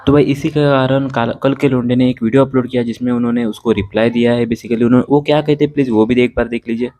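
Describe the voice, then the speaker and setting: Brisk casual male news host. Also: medium pitch, fairly even intonation, warm tone, slight background noise. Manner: chatty, addresses viewers as brother. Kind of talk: casual YouTube news narration.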